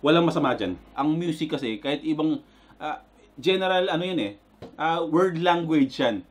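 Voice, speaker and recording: Excitable Filipino man reacting casually. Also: a little high, normal speed. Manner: excitable, bursts into loud exclamations, mixes Tagalog and English. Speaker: reaction video host.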